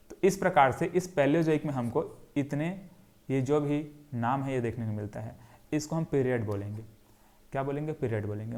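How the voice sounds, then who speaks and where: A man's voice: mid-range voice, a little mellow. A young man teaching geography in a classroom-style lecture, who asks questions and answers them himself while drawing on a board. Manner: repetitive question-and-answer drilling.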